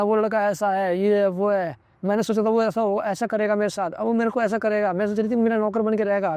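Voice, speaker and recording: A woman's voice: mid-range voice, a little mellow, no echo, natural voice. A man mimicking a demanding young bride who complains about her in-laws in a whiny voice.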